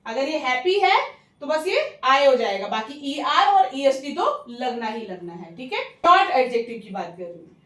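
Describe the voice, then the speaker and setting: A woman with an Indian accent teaching English grammar step by step, patient and explanatory, often checking in with the listener and slowing down to spell out example words. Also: high-pitched. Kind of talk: bilingual grammar lesson. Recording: roomy, mic some distance away.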